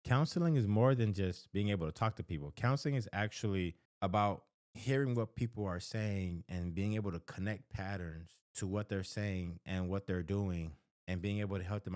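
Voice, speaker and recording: A low-voiced American man from the South plays a counselor, giving advice straight to the camera in a conversational way. He's emphatic, repeating key phrases for stress and often checking in with "right?" and "okay?" The recording is close and dry with no echo, and his voice is a little mellow.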